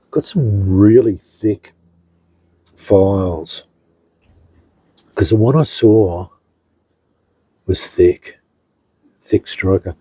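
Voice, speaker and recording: Slow, low-voiced man with a husky tone. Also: mellow, no echo, rough recording. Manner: unhurried, rambling, many ums and restarts. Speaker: hobby blacksmith showing his work. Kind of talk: casual show-and-tell narration.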